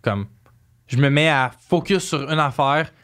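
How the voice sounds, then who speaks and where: A man's voice: on the high side, a little slow, fairly bright tone, clean tone. A young adult man with a Quebec French accent, chatting casually in slangy speech sprinkled with English phrases. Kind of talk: casual chat.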